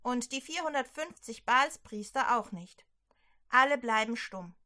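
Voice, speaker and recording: A woman leading a prayer and telling a Bible story to children, gentle and clearly spoken. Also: a little high, lively intonation, a little slow.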